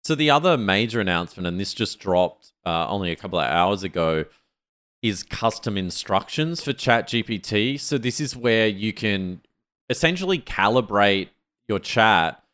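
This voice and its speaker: A man co-hosting a podcast, speaking in a relaxed, measured way in casual conversation. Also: on the low side. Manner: relaxed, measured, reads out quotes. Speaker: podcast co-host. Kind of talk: casual tech chat.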